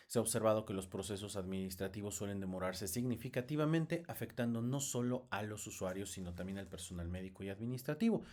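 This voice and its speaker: A man's voice: on the low side, darkish tone. A man teaching research methods in a recorded lecture, explaining step by step with frequent fillers and restarts.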